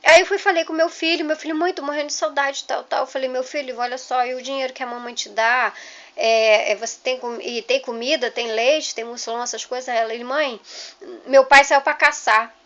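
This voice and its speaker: A woman's voice: high-pitched, fairly even intonation, quick pace, fairly bright tone, lo-fi sound. A young woman with a Rio de Janeiro accent telling her life story in a casual, emotional, rambling way, full of restarts and "entendeu?". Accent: Rio de Janeiro Portuguese.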